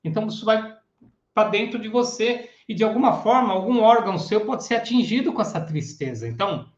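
A man, a psychoanalysis teacher giving a casual teaching talk, animated and acting out the voices of clients and therapists. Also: high voice, brisk. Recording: echoey room, dull lo-fi sound.

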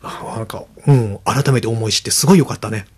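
A man with a Kansai accent hosting a casual podcast chat, lively and acting out quoted lines. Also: fast talker, slightly rough. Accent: Kansai Japanese. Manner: animated, acts out quoted lines in a higher voice. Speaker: podcast host.

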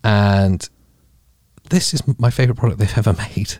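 A man's voice: lowish voice, normal speed, darkish tone, no echo. A man co-hosting a podcast in casual chat at a studio microphone, joking, laughing often and restarting his sentences. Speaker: podcast co-host.

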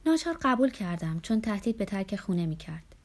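A woman reading a first-person novel aloud as an audiobook narrator, in a steady, measured way. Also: mid-range voice.

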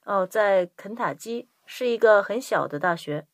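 A woman's voice: mid-range voice, expressive, a little slow, dry recording. A woman playing a polite young intern in a scripted language-lesson dialogue, speaking courteously. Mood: polite, welcoming. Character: polite young Chinese American woman intern greeting a visitor.

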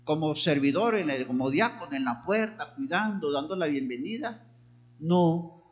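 A middle-aged man preaches with animated energy. His voice sits high for a man, and he lifts it further to mimic hesitant congregants. The recording is a little muffled. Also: normal speed. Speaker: pastor. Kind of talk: sermon.

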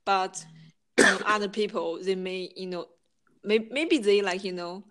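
A woman's voice: medium pitch, fairly even intonation, a little slow, fairly bright tone. A woman in her twenties with a Thai accent chats casually, often dropping in "like" and "you know". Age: 20s. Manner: peppers speech with "like" and "you know". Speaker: conversational co-host. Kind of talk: casual chat.

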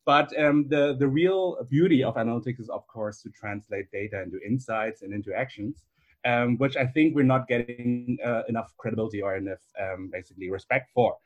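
A man speaking as a guest on a casual podcast, friendly and upbeat. He laughs easily between explanations. His voice sits at an ordinary middle pitch. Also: fairly quick, dull audio. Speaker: podcast guest, analytics director.

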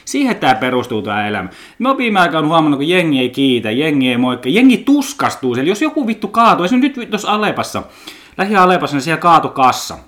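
A man's voice: a little high, very animated, fairly bright tone. A man with a Finnish accent talks through a loose, rambling podcast monologue. He is blunt and joking, swears freely, and often stumbles over words before finding them. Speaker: podcast host.

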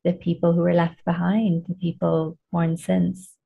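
A woman guest in an interview, a coach explaining her work in a thoughtful, measured way. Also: on the low side, completely flat delivery, gravelly, husky, narrow, tinny audio. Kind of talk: conversational interview.

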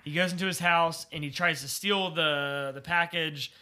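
A man's voice: on the high side, steady tone, normal speed, pushed and bright, smooth. A man co-hosting a podcast, casually retelling a movie's plot with lots of fillers and laughs. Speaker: podcast co-host. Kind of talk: casual movie recap chat.

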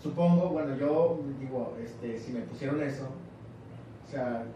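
A man co-hosting a casual chat, jumping in with quick comments. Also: dark tone. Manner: quick interjections and backchannels. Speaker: co-host. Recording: echoey room, far from mic, faint rumble.

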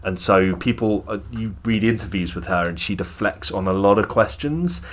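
Deep-voiced guy on a podcast, chatty and opinionated about albums. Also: normal speed. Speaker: podcast co-host. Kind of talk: casual music chat.

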